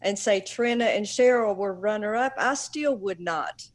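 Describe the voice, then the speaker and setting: A woman co-hosts a relaxed podcast. She is friendly and chatty and quick with a comeback. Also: medium pitch. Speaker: podcast co-host. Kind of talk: casual podcast chat.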